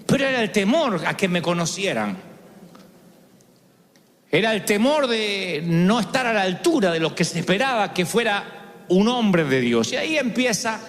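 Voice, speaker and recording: A man's voice: high voice, big pitch swings, moderate pace, a bit bright, long reverb tail. A middle-aged man with an Argentine Spanish accent preaching a sermon, dramatic storytelling that acts out voices. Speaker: pastor.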